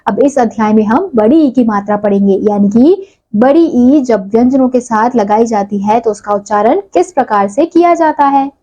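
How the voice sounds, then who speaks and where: A woman teaching a primary school language lesson, addressing the children and spelling out words slowly, sound by sound. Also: on the high side, expressive, dark tone, highs cut off. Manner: slow, syllable-by-syllable spelling out of words.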